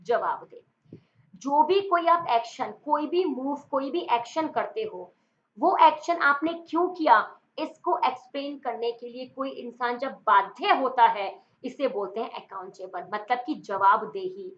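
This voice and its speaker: A woman's voice: a little high, animated, a little slow. A woman teaching English vocabulary for exam prep in a chatty, playful way, mixing in English words and explaining memory tricks. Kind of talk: online exam-prep lesson. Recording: dull lo-fi recording.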